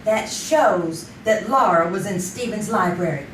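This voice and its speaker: An actress plays a stubborn, intuitive female sidekick in an old-time radio drama on a community theater stage, sounding sly, insistent, and knowing. Her mid-range voice moves at a measured pace, lightly acted. The live stage recording is roomy and distant, with slight background noise.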